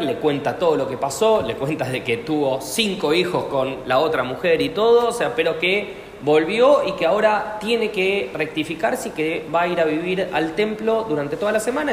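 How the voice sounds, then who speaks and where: A man with an Argentine Spanish accent tells a story during a religious lesson, rambling comfortably and leaning on fillers. His voice sits a little high. The recording carries a long echo from a hall, with faint ambient noise behind it. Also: animated, normal speed, few pauses. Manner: loose, chatty telling full of "o sea". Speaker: religious teacher.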